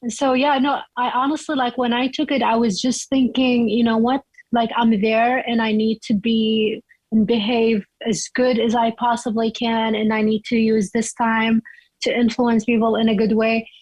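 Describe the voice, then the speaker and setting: A woman's voice: fairly high pitch, flat delivery, moderate pace, darkish tone, dry recording, rough recording. A young woman from Iraq, chatting as an interview guest and telling her story loosely, with lots of "like" and "you know.".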